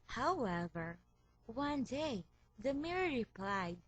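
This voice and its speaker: A woman reading a fairy tale aloud as storyteller, slow and careful. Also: fairly high pitch, sing-song, dry recording, soft background music, rough recording.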